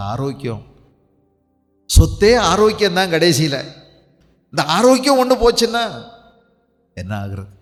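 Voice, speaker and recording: Animated preacher with rising and falling voice. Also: male voice. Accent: Tamil Nadu. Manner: animated, rhetorical questions, dramatic swings in pitch and loudness. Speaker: pastor. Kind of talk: sermon. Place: church prayer hall. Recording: long hall reverb with faint music.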